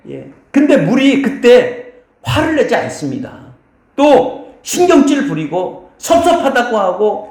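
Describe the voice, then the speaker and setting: A man's voice: sits high, darkish tone. A male pastor preaches in a church sanctuary, and his voice rises and falls widely as he goes. He keeps asking his listeners questions and answering them himself, and he turns to bless the congregation again and again. The sound rings through a very echoey church hall. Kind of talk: sermon.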